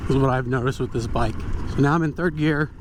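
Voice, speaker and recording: A man's voice: medium pitch, fairly quick. A man talking from inside a motorcycle helmet, giving casual riding commentary in a conversational, thinking-aloud way. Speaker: motorcycle vlogger. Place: outdoors, riding a motorcycle on a desert trail. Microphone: mic inside a motorcycle helmet. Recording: inside a helmet, loud engine and wind noise. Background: motorcycle engine and wind.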